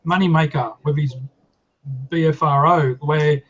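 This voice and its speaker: A man's voice: fairly high pitch, steady tone, unhurried. A man explaining in an easygoing way how his group shares its findings. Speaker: yowie group organiser. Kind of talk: casual online hangout chat. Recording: lo-fi call audio.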